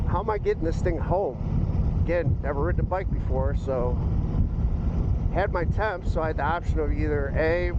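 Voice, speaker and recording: A man chats casually from inside a motorcycle helmet. His voice sits a little high for a man and rambles along in an easygoing, conversational way. The sound is muffled, with heavy wind and engine roar all around it. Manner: laid-back, rambling, conversational. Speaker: motorcycle vlogger. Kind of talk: casual storytelling motovlog while riding. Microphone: microphone inside a motorcycle helmet.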